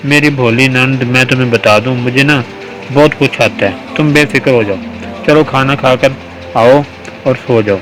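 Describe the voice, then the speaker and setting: A man's voice: medium pitch, fairly even intonation, over music, natural voice, low-quality recording. A man reading aloud the lines of a confident, protective young wife in a storybook, in a firm, reassuring way.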